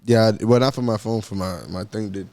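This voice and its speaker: A young man co-hosting a podcast, teasing his friend and firing off quick slangy questions. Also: lowish voice, steady tone, a little mellow, no room sound. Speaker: podcast co-host. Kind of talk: casual chat.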